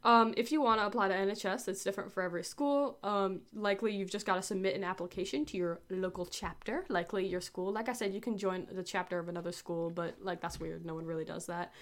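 Fast-talking teenage girl giving chatty advice. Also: mid-range voice. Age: teens. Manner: chatty, rambling, lots of fillers. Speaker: host. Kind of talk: casual advice chat.

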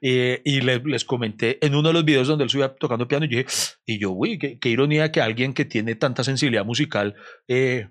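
A man, a comedian, chatting casually and telling animated stories with frequent laughter. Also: medium pitch, a little fast. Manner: animated storytelling, laughs often. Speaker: comedian, co-host.

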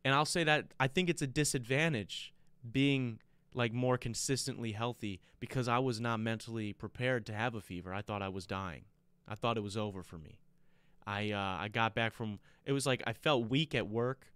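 A man's voice: medium pitch, normal speed, a bit bright, clear, resonant tone, no room sound. A man with an American accent chatting casually as a solo podcast host, rambling and repeating himself, with a congested, blocked-nose sound from being sick. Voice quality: congested, stuffy-nosed. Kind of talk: casual chat to listeners.

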